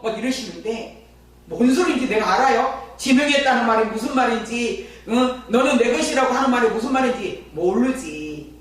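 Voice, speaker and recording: A woman's voice: on the high side, moderate pace, distant mic. Woman pastor preaching in an echoey church. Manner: lively storyteller who chats with the congregation. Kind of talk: sermon with personal testimony. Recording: very echoey church from afar, faint hum.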